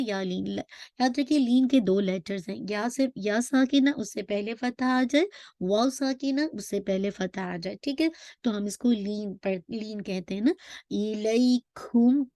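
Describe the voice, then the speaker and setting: A woman teaching Quran recitation. She explains patiently, mixes in English terms, and says the sounds slowly and drawn out to model them. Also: medium pitch, darkish tone, no echo, clean studio sound. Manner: mixes English words into her explanations, checks in with "okay?". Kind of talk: tajweed lesson.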